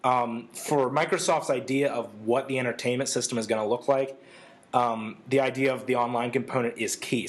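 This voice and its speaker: A man co-hosting a casual gaming chat show, talking at length with a sarcastic, lecturing manner. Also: medium pitch. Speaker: podcast co-host.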